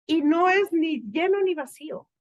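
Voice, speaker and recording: A woman with a Guatemalan accent giving a faith talk to a live group, lively and full of rhetorical questions to her listeners. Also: extremely high pitch, a little slow, dull audio. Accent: Guatemalan Spanish.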